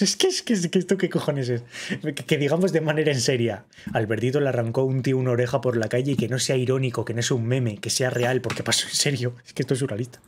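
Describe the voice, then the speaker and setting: A man reacting to a livestream clip in casual commentary, excitable and repetitive, often bursting into mock-awed shouts. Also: medium pitch, slightly rough. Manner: excitable, shouts in mock awe, repeats himself.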